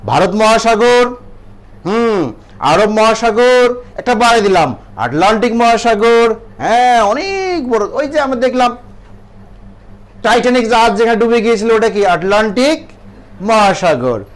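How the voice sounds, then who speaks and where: A man's voice: very high voice, animated, measured pace. A man with a Bangladeshi accent teaching an English grammar lesson to children, asking questions and answering them himself. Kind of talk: classroom lesson.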